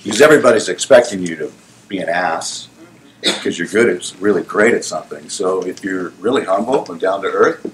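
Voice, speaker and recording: Lively low-voiced middle-aged man telling stories. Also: fairly quick, slight background noise. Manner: animated, laughing, often asks "you know what I'm saying". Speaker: salon owner and hairdresser. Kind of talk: storytelling in a casual interview.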